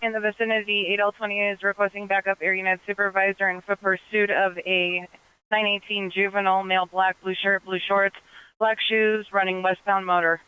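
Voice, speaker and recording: A man dispatches police calls over a crackly military-style radio. His voice is high and very crisp, held even. The phrasing is clipped and procedural. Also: brisk. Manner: flat, procedural delivery of coded details. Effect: crackly two-way radio, military-style.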